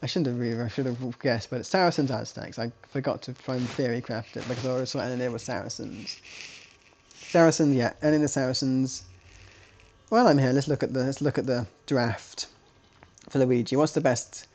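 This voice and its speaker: A man's voice: mid-range voice, brisk, darkish tone, slight background noise. Rambling male game caster. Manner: rambling, self-correcting, chatty. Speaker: esports caster. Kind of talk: live game commentary.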